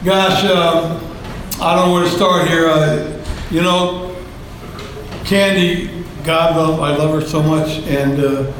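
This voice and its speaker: A man's voice: on the high side, fairly even intonation, slow pace, fairly bright tone, slight background noise, rough recording. An older man sharing his story at a support group meeting, rambling and folksy with many fillers, speaking into a handheld mic in a meeting room. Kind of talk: personal share at a recovery meeting. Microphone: handheld microphone.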